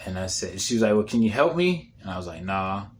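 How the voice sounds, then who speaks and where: A comedian telling a rambling, profane story in a casual monologue, often dropping into a low mutter when repeating what was said. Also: male voice, big pitch swings, fairly quick, a little hiss or hum.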